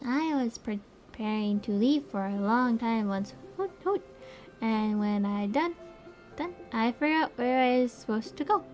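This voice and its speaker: A woman voicing a scatterbrained owl child who hoots and rambles in a lowered voice. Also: expressive, a little slow, darkish tone, faint music behind, rough recording. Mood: rambling. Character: scatterbrained hooting owl kid.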